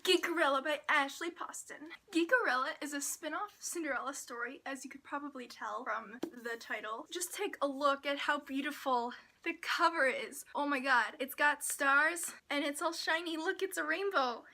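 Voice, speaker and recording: Bright, high-voiced excitable woman. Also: normal speed, few pauses. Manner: gushing, excitable, playful. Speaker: book vlogger. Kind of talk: casual book review vlog.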